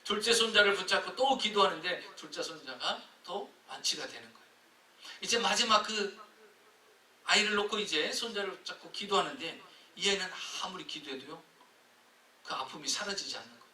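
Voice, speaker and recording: Bright-voiced pastor telling a sermon story. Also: male voice, sits high, fairly quick, a little hiss or hum. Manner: lively storytelling, acting out voices. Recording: echoey church hall from a distance.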